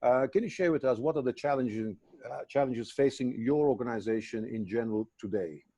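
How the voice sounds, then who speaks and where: A man who edits a magazine, hosting a panel webinar and introducing guests in a measured way with frequent hesitations. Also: medium pitch, dark tone, slightly rough, dry recording. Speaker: magazine editor and webinar host.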